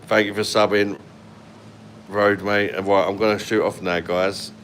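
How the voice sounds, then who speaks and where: This London man's voice sits very low as he reads out comments on a casual night-time livestream from a hotel room, phone at arm's length, with faint air-conditioning humming nearby. He's blunt and sweary and laughs often. He speaks a little slowly in a level tone that sounds a bit bright.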